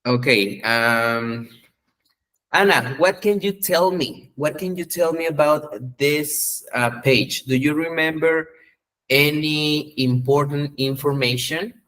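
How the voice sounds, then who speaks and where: Man, English teacher, slow unhurried delivery, patient, repeats prompts in two languages. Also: a little high, a bit bright. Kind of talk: bilingual online class.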